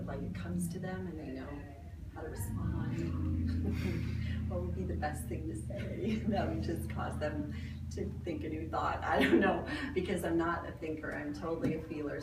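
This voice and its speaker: A middle-aged woman telling a personal story to an audience, animated and laughing through it. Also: sits low. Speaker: motivational speaker. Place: studio event room. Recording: echoey room from a distance, noisy.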